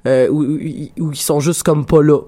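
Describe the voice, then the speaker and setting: A man with a Quebec French accent, hosting a casual film discussion podcast and talking haltingly with many restarts and repeated words. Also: fairly high pitch, fairly even intonation, dark tone. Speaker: podcast host.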